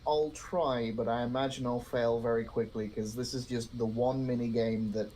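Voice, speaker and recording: A man co-hosting a podcast, reading news items in an even, matter-of-fact way and chatting casually. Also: mid-range voice, normal speed, slight background noise, poor audio. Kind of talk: read-aloud news segment and casual chat.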